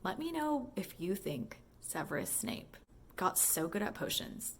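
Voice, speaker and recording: A woman's low, creaky, sing-song voice moves at a measured pace, with slight background noise. She's a high school English teacher and book lover giving a casual, voicemail-like monologue, musing and conversational, full of "like" and "you know."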